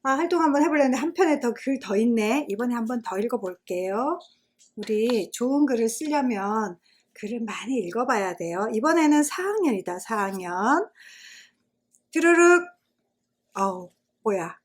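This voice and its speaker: A woman's voice: on the high side, lively intonation, normal speed, a little mellow. A woman, a school principal, giving an online writing lesson to children. She reads a pupil's essay aloud with expression and keeps stopping to ask the class questions.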